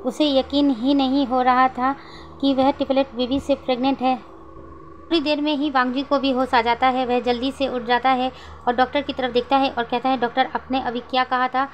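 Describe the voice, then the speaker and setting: A woman narrating a fan fiction story in a steady retelling. Her voice is high and holds a flat, level melody. A faint hiss sits behind it. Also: moderate pace, muffled recording.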